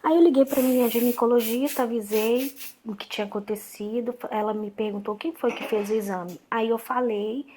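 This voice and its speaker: With a Brazilian Portuguese accent, a guest in her thirties recounts a personal story in conversation, animatedly performing the quoted lines and frequently starting her sentences over. She speaks at normal speed in a slightly high voice, and the audio has a little hiss or hum.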